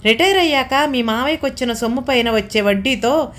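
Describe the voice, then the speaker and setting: A woman's voice: a little fast, natural voice. A woman narrator voicing a fussy, sarcastic older wife who scolds anxiously in a raised voice. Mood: scolding. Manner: scolding, anxious, higher and louder than narration.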